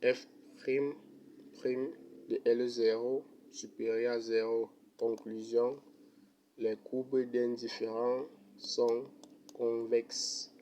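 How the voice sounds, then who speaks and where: Slow, flat-voiced man teaching math. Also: mid-range voice, slight background noise. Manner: slow, methodical, even delivery. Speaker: economics teacher. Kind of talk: step-by-step math lesson.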